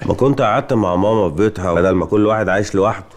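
Brief: a young actor as an exasperated Egyptian nephew, low voice, rapid. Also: male voice, close to an everyday voice. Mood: pleading. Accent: Egyptian Arabic. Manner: pleading, exasperated. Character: worried nephew, junior officer, pleading.

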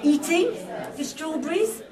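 A woman's voice: very high-pitched, animated, unhurried, a crowd in the background. An older woman in her sixties, speaking earnestly and candidly in an interview from her living room, recorded by a far camera. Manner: earnest and candid, coaxing her husband with rising questions. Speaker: carer of her husband. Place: living room of a home, seated on a sofa.

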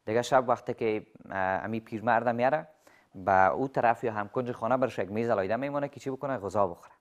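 A man's voice: medium pitch, highs cut off. Man teaching English on TV. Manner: quizzes viewers with rhetorical questions; repeats and slowly spells out English examples. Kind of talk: TV English lesson in Dari.

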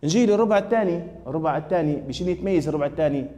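A male math teacher with a Libyan Arabic accent runs a classroom lesson, firing questions at students and repeating their answers. His voice is dark and mellow, a little high for a man, and he talks fast. A long echo hangs in the room.

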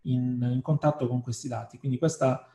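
A man's voice: medium pitch, fairly even intonation, moderate pace, dark tone, echoey room. A man hosting an online webinar, prompting his guest with short questions over a video call. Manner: brief prompting interjections and questions. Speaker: webinar host.

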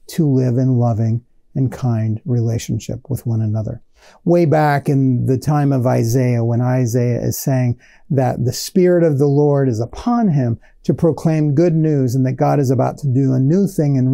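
A man's voice: medium pitch, gravelly, no room sound. A man in his forties, a pastor, preaching a sermon in an earnest teaching tone on a lapel mic in a small studio. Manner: earnest teaching tone, expressive hand gestures. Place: small studio set with shelves.

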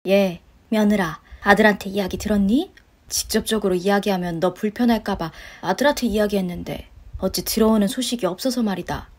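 A woman's voice: medium pitch, a little fast, darkish tone, slight background noise, pitched below the performer's own voice, lightly acted. A woman voicing a pushy, guilt-tripping older mother-in-law in a story-radio drama, scolding and sighing. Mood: nagging. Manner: scolding, wheedling, sighs of complaint.

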